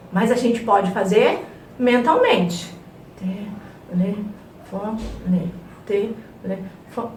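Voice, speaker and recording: A Brazilian woman teaching a review lesson to young children, stretching words out slowly and playfully. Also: fairly high pitch, echoey room, distant mic, a little hiss or hum. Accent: Brazilian Portuguese. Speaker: primary school teacher.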